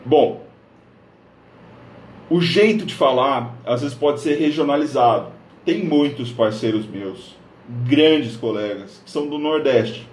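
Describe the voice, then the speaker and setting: A man's voice: medium pitch, takes it slowly, a little mellow, a little hiss or hum. A man from northern Paraná, Brazil, hosting a live stream and coaching viewers on social media in an upbeat, direct way, talking straight to the camera. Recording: echoey room.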